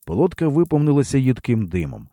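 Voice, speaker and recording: A man reading a historical novel aloud as an audiobook narrator, with expressive storytelling. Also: medium pitch, fairly quick, dry recording, studio quality.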